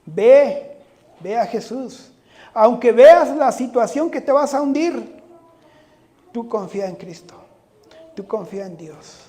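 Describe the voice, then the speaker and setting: A man's voice: extremely high pitch, animated, slow pace, long pauses, warm tone. A man preaching a sermon, speaking earnestly, often putting rhetorical questions to the congregation and addressing them directly.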